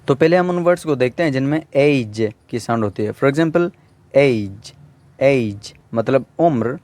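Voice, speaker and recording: Man teaching pronunciation, mid-pitched. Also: darkish tone. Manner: mixes Hindi-Urdu with English, slow and deliberate on example sentences. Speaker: English teacher. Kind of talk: pronunciation lesson.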